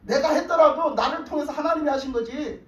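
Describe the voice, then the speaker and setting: A woman pastor preaching a sermon, retelling a story with lively asides and questions to the congregation. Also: high-pitched, brisk. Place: church sanctuary. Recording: roomy hall, distant mic.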